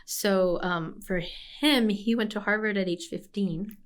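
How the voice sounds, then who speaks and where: A woman from Hawaii, an oncologist, telling her story in a reflective, measured way during an interview. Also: mid-range voice. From Hawaii, United States. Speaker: oncologist guest. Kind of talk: conversational interview.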